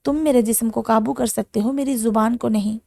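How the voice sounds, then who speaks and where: A woman's voice: fairly high pitch, steady tone, gravelly, darkish tone, no room sound, studio quality. A woman voicing a bitter, defiant young woman held captive in a romance audiobook.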